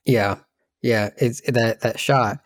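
A man's voice: mid-range voice, steady tone, slow, no room sound, clean studio sound. A man co-hosting a podcast, chatting casually about a film and thinking aloud as he searches for details. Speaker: podcast co-host.

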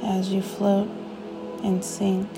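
A woman guides a sleep meditation like a sleep story narrator, soothing and unhurried, with long pauses between short phrases. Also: medium pitch, monotone, rough recording. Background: music.

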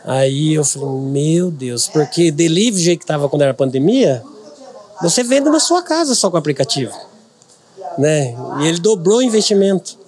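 A man's voice: a little high, sing-song, a little fast, darkish tone. A middle-aged man from Brazil, a podcast guest, telling a personal story earnestly and repeating words for emphasis.

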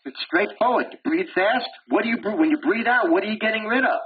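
A man lecturing on medicine in a somewhat high voice, firing questions at the class and answering them himself. He drops blunt, wry jokes along the way. The tape sounds dull and lo-fi, with a faint hiss underneath. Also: quick pace. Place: lecture room.

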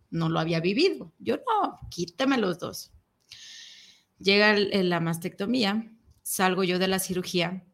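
A woman, a talk show guest, candidly and emotionally recounting a personal experience. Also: medium pitch. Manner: emotional, candid, animated retelling. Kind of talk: personal storytelling.

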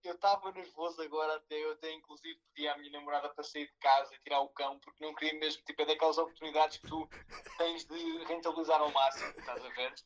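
A man's voice: fairly high pitch, little pitch movement, quick pace, rough recording. A man with a European Portuguese accent chatting casually as a podcast guest, rambling in hesitant, mock-serious explanations. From a village near Leiria, Portugal. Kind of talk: casual chat.

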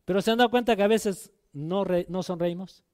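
A man preaching a sermon as pastor, telling a personal story and putting direct questions to the congregation, loud one moment and quiet the next. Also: a little fast. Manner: emotional storytelling, swings between loud exhortation and quiet low asides.

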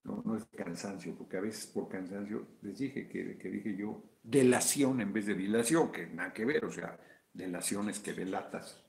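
A Mexican man talks loosely through political commentary. His voice sits low and gravelly. He rambles, with crude asides dropped in. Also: normal speed, darkish tone. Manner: rambling, informal, profane asides. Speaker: video chat host.

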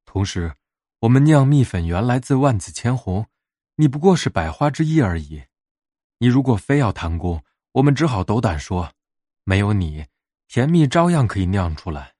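A man's voice: fairly low pitch, sing-song, normal speed, mellow, no echo, clean studio sound. A man voicing indignant, principled honeybees in a storybook, giving a firm and reasoned rebuke. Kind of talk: storybook character voice in narration.

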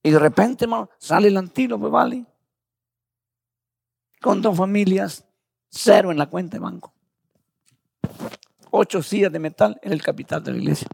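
Gravelly, husky-voiced preaching man. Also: high voice, normal speed, long pauses, a little mellow. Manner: conversational storytelling, keeps addressing listeners as brother. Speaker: pastor. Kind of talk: testimony sermon.

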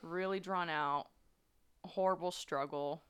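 Woman podcast host, lowish clear voice, chatty true-crime retelling. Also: steady tone, takes it slowly, a bit bright. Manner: conversational, many fillers, earnest. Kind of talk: casual true-crime storytelling.

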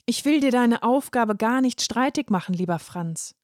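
A woman reading a storybook, voicing a calm, elegant woman who speaks slowly and reassuringly. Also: a little high, no echo, studio quality, close to an everyday voice.

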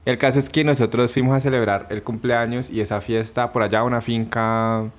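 Brisk and level in tone, his mid-range voice carries a Colombian Spanish accent. The young podcast co-host keeps the chat casual, telling stories, laughing frequently and acting out what people said.

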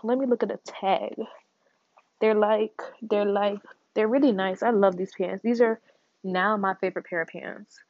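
A teenage girl hosting her own podcast, chatting casually, rambling fast, running her words together and switching topics. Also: medium pitch, fairly even intonation, no echo, muffled recording. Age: teens. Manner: rambling, fast, words run together, slangy, says y'all a lot. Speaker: podcast host. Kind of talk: casual solo chat.

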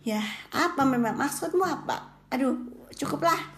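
A woman voicing a famous young male rapper who answers in a flat, unbothered way. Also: extremely high pitch, normal speed, echoey room, soft background music, exaggerated voice. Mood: aloof.

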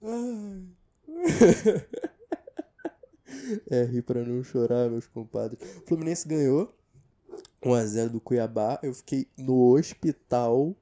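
A man's voice: medium pitch, dark tone. A young man with a Brazilian Portuguese accent, hosting a casual solo podcast in a rambling, profane and self-mocking way. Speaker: podcast host.

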